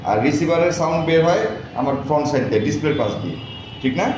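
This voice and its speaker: This repair instructor's voice sits on the high side, with lively intonation and rapid-fire pacing as he repeats points and quizzes the class with check questions. A far mic in the echoey indoor classroom yields dull, very echoey audio with clear noise.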